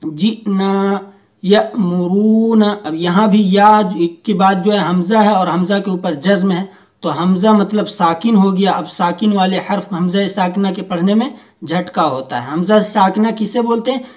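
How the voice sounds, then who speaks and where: A man teaching Quran reading, slowly reading each word aloud and patiently explaining the rules. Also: high-pitched, a little mellow, distant mic. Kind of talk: slow step-by-step recitation lesson.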